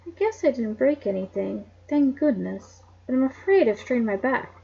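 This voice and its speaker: A woman's voice: fairly high pitch, lively intonation, moderate pace, vocal fry, dark tone, slightly rough, muffled recording, heavily acted. A woman voicing an older female housekeeper who speaks shakily after being hurt, in a read-aloud novel. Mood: shaky. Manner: shaky, strained speech.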